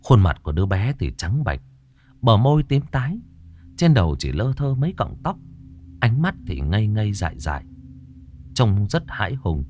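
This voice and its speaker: A man's voice: fairly low pitch, moderate pace, long pauses, a little hiss or hum. Man telling a ghost story. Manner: lively, dramatic telling.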